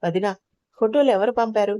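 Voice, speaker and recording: A woman's voice: medium pitch, fairly quick, dark tone, no room sound, clean studio sound, natural voice. A woman reading as Tara, a worried young woman. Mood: anxious. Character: young woman, tender, anxious, childlike.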